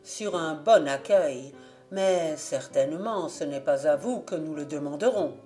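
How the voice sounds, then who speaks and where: A woman's voice: low voice, unhurried, warm tone, soft background music. A woman reading a storybook aloud and voicing the polite, earnest young male hero.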